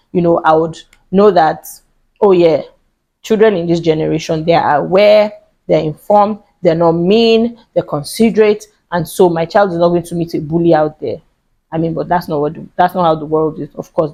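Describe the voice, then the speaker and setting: A woman's voice: on the low side, warm tone, low-quality recording. A woman in her thirties giving earnest, chatty parenting advice to camera, repeating points for emphasis. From Nigeria. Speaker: parenting vlogger. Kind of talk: casual advice talk to camera.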